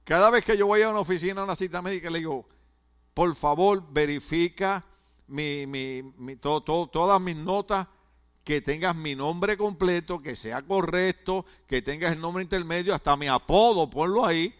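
Stammering, joking pastor, higher-pitched. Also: male voice, normal speed, fairly bright tone, clear, resonant tone. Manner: conversational, humorous preaching with stammered restarts. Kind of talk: sermon.

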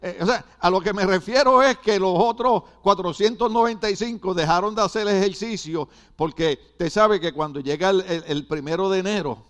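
A man's voice: high voice, normal speed, hardly any pauses, a bit bright. An older man, preaching a sermon as pastor, with rhetorical questions and repetition.

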